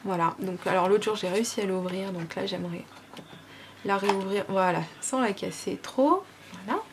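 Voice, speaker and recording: A woman's voice: medium pitch, moderate pace. French woman vlogger, gushing unboxing chat, lots of fillers, faint hiss behind. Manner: gushing, chatty, many fillers.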